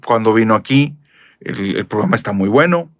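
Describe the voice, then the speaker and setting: A man's voice: moderate pace, dry recording, studio quality. A man from Nuevo León with a Monterrey accent, chatting expressively as a channel host while reading viewer comments. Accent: Northern Mexican (Monterrey). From Mexico, Nuevo León. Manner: expressive, chatty, lively pitch jumps.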